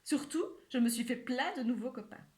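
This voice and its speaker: A woman voicing a timid little male hamster who plays at being a bandit, hesitant and raised in pitch. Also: brisk, natural voice. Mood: gentle. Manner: hesitant, shouts his stick-up line.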